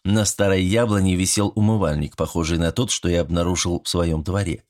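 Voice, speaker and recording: A man reading a first-person audiobook story, with expressive storytelling and dry wit. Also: sits low, a little fast. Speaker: audiobook narrator.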